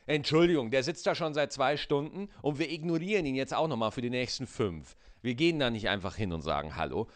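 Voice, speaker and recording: A man's voice: mid-range voice, lively intonation, brisk, hardly any pauses, natural voice. A man putting on the voice of a condescending male restaurant trainer who sneers at a new trainee. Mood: scornful. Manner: sneering, mock-friendly then scolding.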